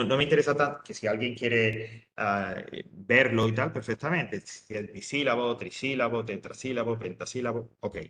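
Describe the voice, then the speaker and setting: In an echoey room, a man with a mid-range, slightly bright voice lectures students step by step. He keeps checking in with "¿vale?", and his explanations are full of fillers and restarted sentences.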